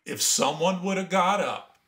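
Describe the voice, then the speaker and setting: Iran-born guy in his 50s, persian native, gravelly, telling animated stories on a podcast. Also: high voice, a little slow. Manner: animated anecdotes with laughter and acted-out quotes. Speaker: podcast guest. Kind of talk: casual storytelling interview.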